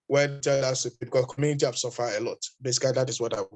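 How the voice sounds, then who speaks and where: Earnest male panelist, halting with fillers, video call. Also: medium pitch, steady tone, a little mellow. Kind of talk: online panel discussion.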